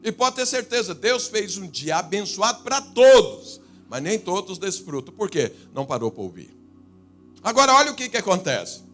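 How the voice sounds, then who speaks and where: Animated Brazilian preacher with a high voice. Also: male voice, moderate pace, soft background music. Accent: Brazilian Portuguese. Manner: storytelling preacher, swinging from loud emphatic lines to low asides. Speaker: pastor. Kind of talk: sermon. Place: church.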